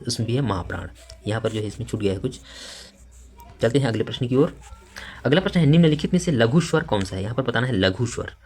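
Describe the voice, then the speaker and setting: A man teaching an exam-prep grammar lesson in a voice of ordinary pitch for a man. He reads each question and its options aloud, then explains the answer step by step. His delivery is unhurried and conversational, with frequent fillers.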